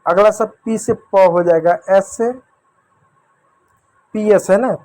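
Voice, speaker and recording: A man's voice: high voice, fairly even intonation, slow, a little mellow. A man teaches children to read English. He goes through each rule patiently, repeating letters and sounds step by step. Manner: patient, repetitive step-by-step explaining, addressing children. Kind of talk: phonics lesson for children.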